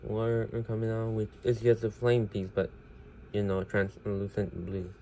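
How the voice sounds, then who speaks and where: A man giving a casual, unscripted toy review, rambling with many fillers and restarts and getting loud at times. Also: fairly low pitch, completely flat delivery, unhurried. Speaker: Lego reviewer. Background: faint household noise.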